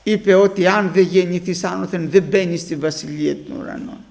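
Man preaching a sermon, really high voice, lots of fry, drops soft then hits hard. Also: steady tone. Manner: retells conversations, swings between soft asides and emphatic bursts.

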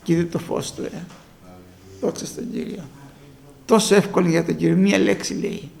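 A man preaching a sermon, moving between hushed storytelling and fervent, shouted exhortation. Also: high-pitched, fairly even intonation, vocal fry.

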